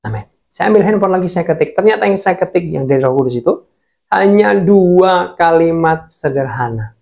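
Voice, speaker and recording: A man preaching a casual sermon, telling a story in an animated way and talking straight to his viewers. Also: high-pitched, moderate pace, vocal fry.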